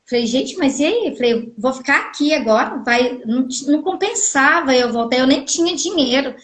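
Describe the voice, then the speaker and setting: Woman from Goiás, middle-aged, high-pitched, animated storyteller, roomy live-stream sound. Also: moderate pace. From Goiás, Brazil. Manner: animated, acts out quoted dialogue. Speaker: guest telling her story. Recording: echoey room audio from a live stream.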